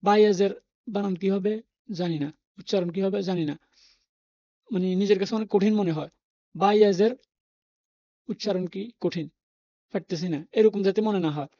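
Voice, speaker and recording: Speaking at normal speed with long pauses, this teacher's warm, mid-range voice calmly walks through each Arabic letter and vowel mark for a Quran reading lesson, easing learners' worries by telling them it is not hard. The recording has no room sound and is dull and lo-fi.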